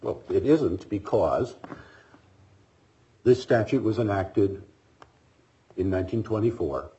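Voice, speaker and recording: A man arguing an appeal as defense attorney, speaking in a measured, formal way while coming down with a cold. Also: fairly low pitch, expressive, warm tone. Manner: measured, formal legal argument. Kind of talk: oral argument before a court. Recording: dull lo-fi courtroom audio.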